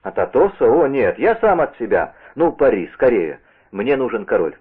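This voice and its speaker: A man's voice: mid-range voice, big pitch swings, moderate pace, breathy edge, narrow, tinny audio. A man reading the lines of a bold, impatient Gascon musketeer in a brusque, self-assured way.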